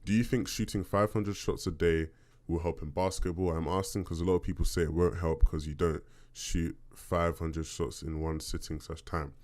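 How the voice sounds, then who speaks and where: A man with a deep bass voice hosting a podcast, casually answering listener questions and often checking in conversationally as he talks. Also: steady tone, moderate pace, few pauses, darkish tone. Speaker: podcast host.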